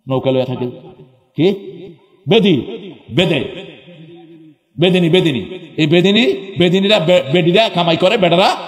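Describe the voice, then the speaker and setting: A man preaching a sermon to a crowd. He asks the crowd questions, answers them himself, and sometimes breaks into chanted phrases. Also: fairly high pitch. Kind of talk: Islamic sermon at a public gathering. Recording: echoey hall with long reverb.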